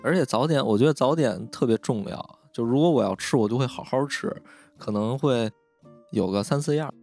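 A man's voice: medium pitch, a little fast, a little mellow, faint music behind. Man. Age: 30s or older. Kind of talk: casual podcast chat.

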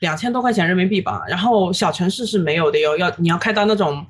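A woman in her thirties, a guest illustrator on a podcast, recounting her story in an animated way with many fillers and English words dropped in. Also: on the low side, fast talker, husky. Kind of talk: casual podcast interview.

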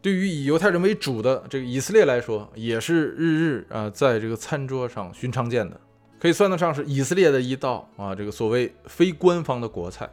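A man's voice: mid-range voice, lively intonation, a little fast, faint music behind. A man hosting a food show, explaining in a chatty way with many fillers and asides. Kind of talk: casual explainer monologue. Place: lives in California.

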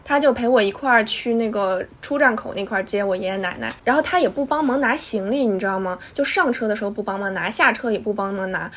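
A young woman co-hosting a podcast, telling a story in a brisk, indignant way. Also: on the high side. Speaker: podcast co-host. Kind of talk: casual chat.

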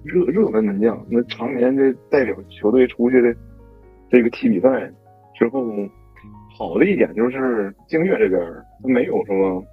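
A man with a Northeastern Chinese accent, co-hosting a podcast and recalling school days in a halting, hesitant way. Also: mid-range voice, lively intonation, slightly rough, narrow, tinny audio, faint music behind. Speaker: podcast co-host. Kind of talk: casual chat.

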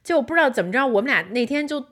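A woman in her thirties, a podcast co-host, telling a personal story in casual chat, animated and laughing often, with English words mixed in. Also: high voice, rapid-fire.

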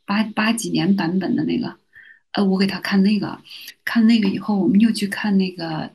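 A middle-aged woman with a husky, slightly breathy voice pitched in a mid range, speaking as a podcast guest. She tells personal stories in a soft-spoken, reflective way and often restarts her sentences. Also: steady tone, brisk. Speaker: podcast guest, university teacher. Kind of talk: conversational storytelling.

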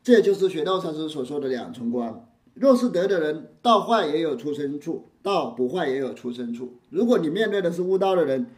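A man giving a line-by-line lecture on a classical Zen text. He recites each old line slowly, then explains it in plain words. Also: a little high, animated. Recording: roomy echo.

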